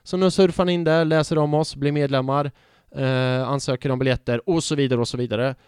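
A young man hosting a casual fan podcast, playful and excitable, often joking about himself. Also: medium pitch, clear, resonant tone, dry recording, clean studio sound. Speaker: podcast host. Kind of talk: casual chat.

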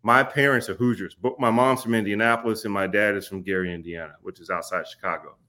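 A man in his forties from Kentucky, a podcast guest telling stories in an unhurried way with frequent ums and restarts. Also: lowish voice, fairly even intonation, bright, forceful tone. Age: 40s. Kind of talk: casual podcast interview.

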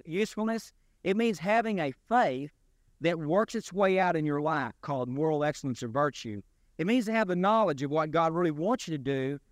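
A man preaching a sermon as pastor, in a deliberate, emphatic delivery with rising and falling stresses. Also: fairly high pitch, no echo, clean studio sound.

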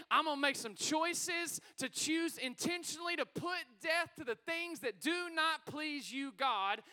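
A middle-aged man preaching a sermon as pastor, energetic and calling out to his congregation in a church hall. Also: very high-pitched.

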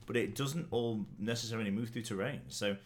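Low-voiced man hosting a podcast. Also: a little fast. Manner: chatty, jokey, asks questions. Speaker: podcast host. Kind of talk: casual gaming podcast chat.

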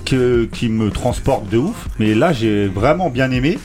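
A man co-hosts the show and gives his honest opinion in quick, frank bursts. Faint music plays in the background. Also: mid-range voice, expressive, a little mellow. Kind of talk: casual interview.

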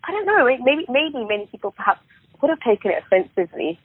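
UK woman, reflective guest, halting delivery, lo-fi phone-line sound. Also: fairly high pitch, sing-song, slightly rough, no room sound. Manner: reflective, halting, many restarts. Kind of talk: casual conversation. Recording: phone-line quality, dry.

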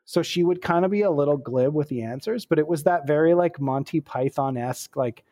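A man's voice: a little high, brisk, mellow. A man in casual podcast chat who rambles with lots of fillers and jokey asides.

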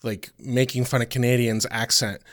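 A man's voice: mid-range voice, flat delivery, moderate pace, a bit bright, no echo. A young adult man co-hosting a podcast, rambling through stories with frequent laughs and easy swearing. His voice sits mid-range for a man, recorded close and dry with no room sound. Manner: laughs often, loose storytelling with profanity. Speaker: podcast co-host. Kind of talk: casual chat.

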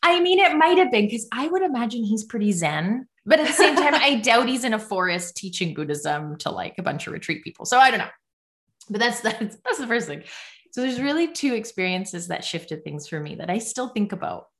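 A woman guest telling stories in a casual interview, animated and self-mocking, laughing often as she talks. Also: fairly high pitch, brisk. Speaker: podcast guest.

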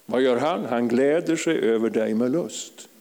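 A man preaching a fervent sermon to a congregation, calling out hallelujahs and sometimes rising to a shout. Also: mid-range voice, in a large hall. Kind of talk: charismatic sermon. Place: church.

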